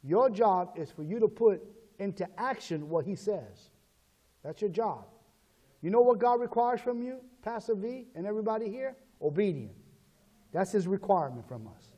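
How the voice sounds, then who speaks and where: Pastor guy preaching, high voice, calls out to the church then drops low. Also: lively intonation, normal speed, long reverb tail. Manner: call-and-response preaching, shifts from shouts to low asides. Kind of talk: sermon.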